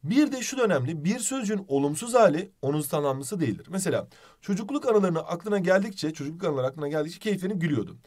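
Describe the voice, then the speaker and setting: A man teaching a video lesson, playful and animated, asking questions as he explains. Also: on the high side, fast.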